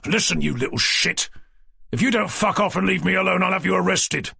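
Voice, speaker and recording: A man's voice: mid-range voice, animated, a little fast, creaky, fairly bright tone, husky, no echo, exaggerated voice. A man voicing a stubborn, fearless police detective who speaks in a dry, matter-of-fact way. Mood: angry.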